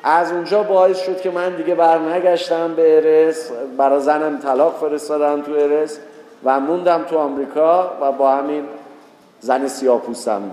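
In a hall with long, echoing reverb, a man with a somewhat dark tone preaches as a religious teacher. He tells a story within the sermon and voices the quoted characters by raising his pitch.

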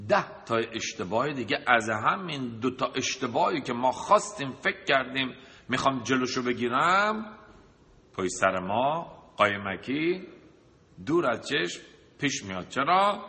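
Male preacher who talks through lists and rhetorical questions, with a forceful bright voice and a long hall echo. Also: medium pitch. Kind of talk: sermon with a told anecdote. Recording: long reverb of a large hall.

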